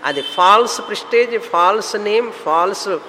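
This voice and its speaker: A man's voice: high-pitched, normal speed, pushed and bright, in a large hall, slight background noise, low-quality recording. A man giving a spiritual discourse as a teacher, explaining terms in long listed runs. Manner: explanatory, lists terms in runs, mixes English words.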